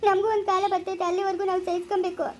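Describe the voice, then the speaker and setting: Woman, Chikkaballapura Kannada accent, high rapid quarrelsome delivery for village family drama. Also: little pitch movement, a little mellow, slight background noise. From Karnataka. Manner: scolding, quarrelsome.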